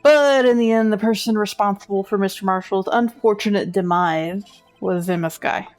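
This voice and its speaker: A woman voicing a cool, formal young male prosecutor in a game playthrough, speaking in a measured way. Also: mid-range voice, a little mellow, soft background music, lightly acted.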